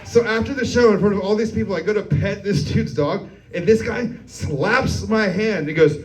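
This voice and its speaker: A man's voice: sits high, moderate pace. A young man doing a brash, crude stand-up set on a comedy club stage, chuckling at his own jokes as he works the crowd. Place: comedy club stage before a live audience. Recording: live club recording, a bit far from mic, crowd audible.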